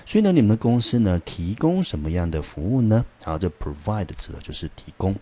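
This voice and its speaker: A man with a low, husky voice teaches an English vocabulary lesson. He patiently walks through English example sentences and keeps asking the class rhetorical questions to check they follow. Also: very animated, a little fast, mellow. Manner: mixes English example sentences into Mandarin explanation.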